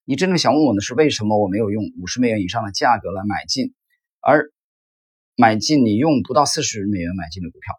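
A man reading aloud and voicing a composed, politely calm male speculator. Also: fairly low pitch, fast talker, husky, dry recording, clean studio sound. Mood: cool.

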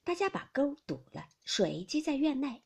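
A woman's voice: high-pitched, normal speed, gravelly. A woman narrating a classic novel audiobook expressively, often dropping to a whisper. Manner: expressive, with many whispered passages.

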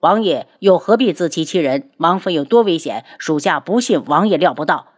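A woman's voice: sits low, lively intonation, moderate pace. Woman doing a blunt, defiant soldier. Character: blunt loyal male soldier, loud and defiant.

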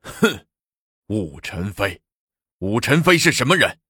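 A wrathful grand minister barks scorn, his husky voice lurching from low mutters to sharp outbursts. The male storyteller's delivery is dry and close. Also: very animated, slow pace, no echo, heavily acted. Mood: indignant. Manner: scolding, imperious.

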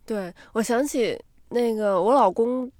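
A woman's voice: on the high side, unhurried, a little mellow, no echo, clean studio sound. A middle-aged woman and mother co-hosting a podcast, speaking candidly and plainly. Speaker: podcast co-host. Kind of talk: casual chat.

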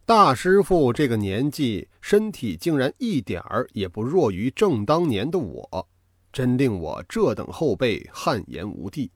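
A man narrating a novel as an audiobook reader, telling the story with dramatic, expressive delivery. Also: medium pitch, a little slow, dry recording, studio quality.

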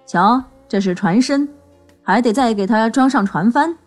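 A woman voicing a grumpy big male grey wolf in a children's storybook, talking gruffly and blustering. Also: a little high, measured pace, faint music behind, natural voice.

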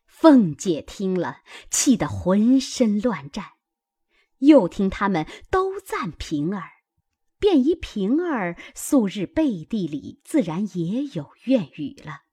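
A woman reads a classic novel aloud at a slow, measured pace. Her voice is breathy and somewhat higher than average, and her intonation rises and falls expressively with the drama of the story. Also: big pitch swings, warm tone. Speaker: audiobook reader.

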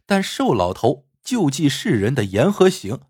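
Husky male storyteller. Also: medium pitch, a little slow, no echo, clean studio sound. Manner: expressive, lively storytelling. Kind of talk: folk tale narration.

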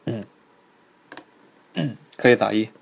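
A man teaching a live online pronunciation lesson, patiently repeating each sound slowly and checking in with his students. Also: fairly low pitch, vocal fry, slightly rough. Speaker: Korean language teacher.

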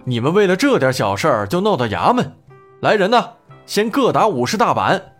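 A man's voice: medium pitch, very animated, normal speed, soft background music. A man voicing a shrewd, stern male magistrate who gives commands and scolds the people in his court.

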